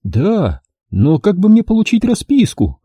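A man's voice: high voice, wildly swooping pitch, unhurried, dark tone, husky, no echo, clean studio sound, voice pushed up, full character voice. A man reading an audiobook voices a shrewd female client who is businesslike one moment and sweetly two-faced the next.

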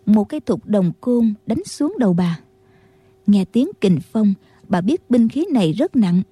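Husky-voiced woman narrating a story. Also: fairly high pitch, no echo. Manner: steady storytelling. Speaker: audiobook narrator. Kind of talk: scripted narration.

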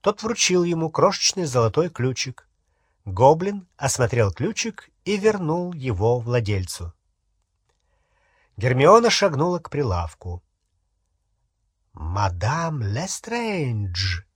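Male audiobook reader, husky, measured, dry close sound. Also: on the high side, big pitch swings, no echo. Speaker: audiobook narrator. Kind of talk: audiobook narration.

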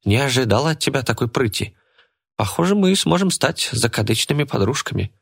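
A man's voice: mid-range voice, very animated, brisk, gravelly, husky, pitched above the performer's own voice, exaggerated voice. A man voicing a wry young woman who mocks and jokes in a chummy way. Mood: amused. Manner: mocking and chummy.

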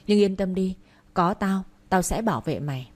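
A woman reading the part of a shrewd, protective elder sister-in-law who speaks in a brisk, bossy way. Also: medium pitch, expressive, close to an everyday voice.

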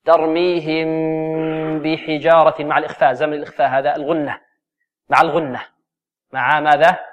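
A man teaching a Quran recitation lesson. He quizzes his students and draws verse words out slowly to demonstrate them. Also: on the high side, steady tone, muffled recording. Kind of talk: tajweed lesson.

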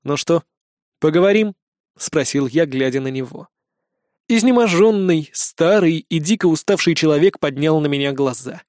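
A man with a fairly high voice reads a first-person audiobook. He is recorded on a close mic with a dry, roomless sound. He moves between steady narration and rousing, declamatory speeches. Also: normal speed, no echo.

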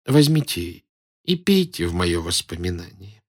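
A man voicing a calm, mysterious magician who speaks softly and briefly. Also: low voice, a little slow, pitched below the performer's own voice, heavily acted. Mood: serene. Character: calm mysterious male magician, gentle and wise.

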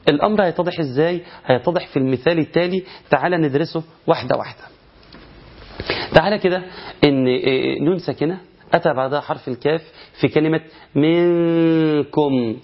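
Egyptian-accented male tajweed teacher, fast and animated, self-questioning delivery, slightly muffled lo-fi recording. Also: on the high side. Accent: Egyptian Arabic. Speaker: Quran recitation teacher. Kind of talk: colloquial recitation lesson.

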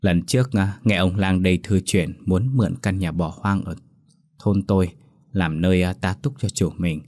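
A man's voice: sits low, normal speed, darkish tone. A man voicing a stern middle-aged woman who leads a village, probing and commanding.

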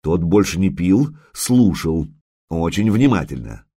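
A man narrating a first-person adventure novel in a wry, expressive manner. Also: deep voice, unhurried, breathy edge, no echo, clean studio sound. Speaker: audiobook narrator.

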